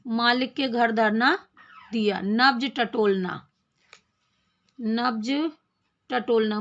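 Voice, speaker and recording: Slow, gravelly-voiced woman teacher. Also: fairly high pitch, lo-fi sound. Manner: explains slowly, repeats phrases, asks rhetorical questions. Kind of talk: Hindi grammar lesson.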